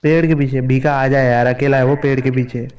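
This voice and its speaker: A man's voice: mid-range voice, steady tone, a little fast, a little mellow. A man on team voice chat in a battle game, making urgent position callouts and narrating fights. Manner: urgent callouts, narrates kills with sound words. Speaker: squad teammate.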